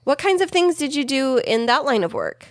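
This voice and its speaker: Woman, podcast co-host, from Southern California, upbeat, encouraging, fairly high voice, dry close sound. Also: sing-song, normal speed, dry recording. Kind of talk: casual interview chat.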